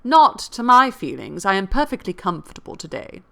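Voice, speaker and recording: A teasing, gallant young gentleman from an old novel, voiced by a woman reading aloud. The lines come with a lively, swinging pitch and eager emphasis. The voice stays close to the reader's own middle register. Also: moderate pace, gravelly, heavily acted.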